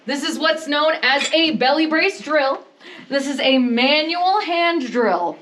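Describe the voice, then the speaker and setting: A high-pitched woman gives a guided tour deep in an underground mine, explaining as she goes and slipping in jokes. She is caught by a visitor's camera, sometimes close and sometimes farther off, with a faint hiss behind her. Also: animated, takes it slowly, a bit bright. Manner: chatty, joking, explanatory patter. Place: underground coal mine tunnel.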